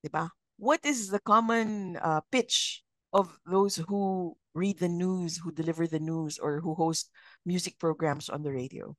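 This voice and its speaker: Filipino woman trainer, measured modulated voice. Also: on the low side, no echo. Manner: interactive, asks learners questions. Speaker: communication trainer. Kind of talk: live training session, mixing English and Filipino.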